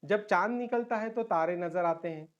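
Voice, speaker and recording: Male teacher. Patient online lesson that repeats key terms and switches into English. Dull, lo-fi recording. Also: sits high.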